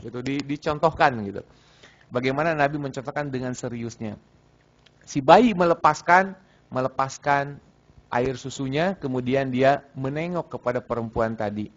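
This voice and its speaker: A man's voice: mid-range voice, fairly even intonation, moderate pace. A man giving a Sunday morning religious study talk at a mosque, speaking conversationally, repeating phrases and asking the audience questions. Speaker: preacher. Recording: muffled lo-fi recording.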